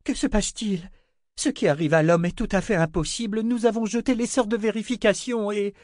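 A woman's voice: mid-range voice, sing-song, unhurried, darkish tone, slightly rough, no room sound, studio quality, pitched above the performer's own voice. A man voicing a flustered, scornful woman of a religious order. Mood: agitated scornful. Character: agitated, scornful sister of an order.

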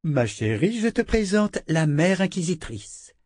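A man's voice: a little high, big pitch swings, measured pace, a little mellow, dry recording, studio quality, voice pushed up. A man voicing a haughty, scheming middle-aged queen in an audiobook, in an affected, fawning manner. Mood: simpering.

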